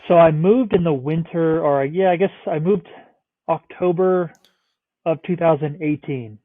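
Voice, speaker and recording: His voice runs on the high side and he takes his time, a roughly thirty-year-old man from the American Northeast swearing freely and saying "like" constantly as he rambles. He's a podcast guest in casual interview talk, heard through a dry, tinny phone-like line with no room sound.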